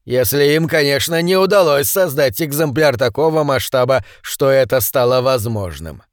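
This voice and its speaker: A man narrates an audiobook in an even storytelling style, reading from a script. His voice is mid-range and his pace moderate. The recording is dry, with clean studio sound.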